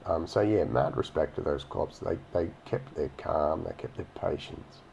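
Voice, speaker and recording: A man's voice: sits low, normal speed, creaky, a little mellow, muffled recording, a little hiss or hum. A man giving blunt, profane, indignant commentary while reacting to police footage. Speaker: video reaction host.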